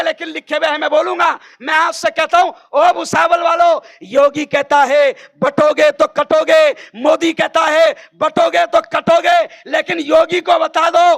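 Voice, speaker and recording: A man delivering a fiery campaign speech at a political rally, shouting call-and-response lines to the crowd. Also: very high-pitched, creaky.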